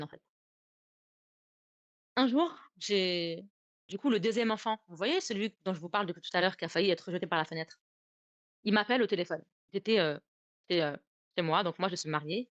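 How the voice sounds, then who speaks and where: Fast-talking young woman telling a story. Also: lowish voice, fairly bright tone, no room sound. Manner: emotional, repeats words and restarts often. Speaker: guest storyteller. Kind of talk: casual storytelling on a livestream.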